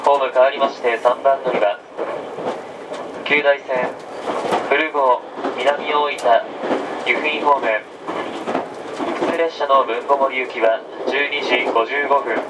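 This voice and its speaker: Guy doing train conductor announcements, formal and polite, far from mic, lots of carriage rumble. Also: steady tone. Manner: measured, formulaic and polite. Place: inside a moving train carriage. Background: train running noise.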